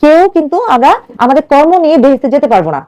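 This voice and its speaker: A woman from Bangladesh in her thirties tells her own story to a radio host. She talks very fast in a somewhat high voice. She is earnest throughout and acts out the lines of the people she quotes. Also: animated, warm tone. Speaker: caller telling her life story. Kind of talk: emotional personal storytelling.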